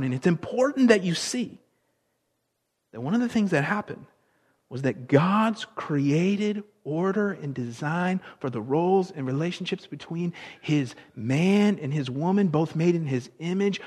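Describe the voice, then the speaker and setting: A male pastor preaching a sermon, animated, with big swings in loudness and drawn-out words for emphasis. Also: fairly high pitch, breathy edge. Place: church worship hall. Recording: long reverb of a large hall.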